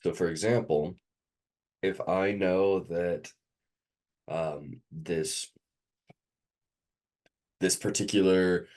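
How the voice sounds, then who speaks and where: A man's voice: deep voice, fairly even intonation, drawn-out words, pauses often, a little mellow. A sick, sniffly man tutoring a student one on one, hesitant with many ums as he quizzes them.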